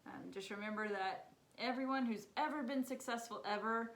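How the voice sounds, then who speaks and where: A woman co-hosting a casual podcast chat, upbeat and quick to laugh. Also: a little high, rough recording. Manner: upbeat, laughs often, quotes others in bright voices. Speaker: podcast co-host.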